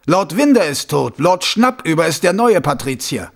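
A man voicing a hurried, surprised male lieutenant in an audiobook. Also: a little high, very animated, creaky, voice pushed up, full character voice. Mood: urgent. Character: urgent male watch lieutenant.

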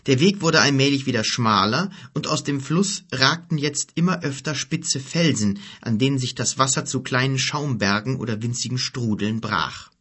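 Male audiobook narrator, husky, middle pitch, even scripted storytelling. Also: normal speed, few pauses.

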